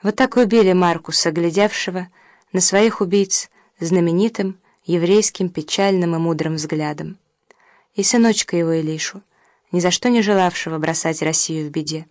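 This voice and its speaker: Somber, low-voiced woman narrating a novel. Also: a little mellow, no room sound, clean studio sound. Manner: measured and somber. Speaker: audiobook narrator. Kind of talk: literary audiobook narration.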